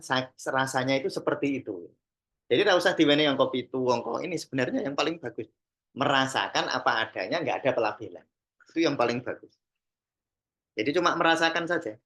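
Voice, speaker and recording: A man's voice: fairly high pitch, a bit bright. A man with a Javanese accent giving an informal teaching talk to a class, speaking in a conversational way and acting out little example dialogues. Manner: conversational, mixes in Javanese phrases, acts out examples. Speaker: Sufi teacher and therapist trainer.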